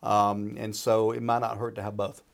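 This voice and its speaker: Low-voiced man explaining things informally. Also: monotone, normal speed, vocal fry. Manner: informal, folksy, checks in with "okay" and "right". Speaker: retirement planner and radio show expert. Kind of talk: conversational explaining.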